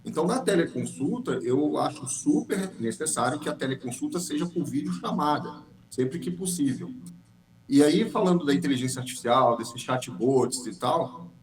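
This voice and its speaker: A man's voice: a little high, lively intonation, moderate pace, echoey room, rough recording. A man speaking in a podcast discussion, explaining points at length and acting out quotes from patients. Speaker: family physician podcast guest.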